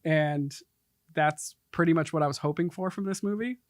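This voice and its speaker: Male co-host, slightly high voice, easy laugher, dry studio sound. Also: moderate pace, dry recording. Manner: laughs easily, agreeable replies. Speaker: podcast producer sitting in as co-host. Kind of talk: casual chat.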